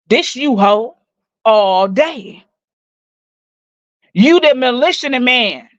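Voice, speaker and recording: A woman in her forties delivering a profane, mocking rant full of loud insults as she roasts someone on her stream. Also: high voice, no echo. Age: 40s. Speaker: livestream host. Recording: dull dry lo-fi recording.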